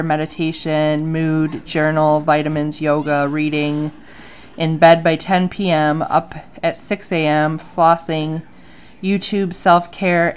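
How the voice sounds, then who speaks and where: Her voice is deep and clean-toned. She's a bullet journal vlogger in her thirties whose sinus infection leaves her sounding nasal, and she chats casually through her journal at a home desk under an overhead light, saying um often.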